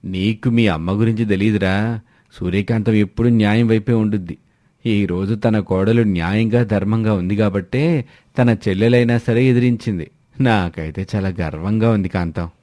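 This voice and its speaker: A man's voice: lowish voice, normal speed, warm tone, no echo, studio quality, close to an everyday voice. Give me an approving older father-in-law, played by a man. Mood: proud.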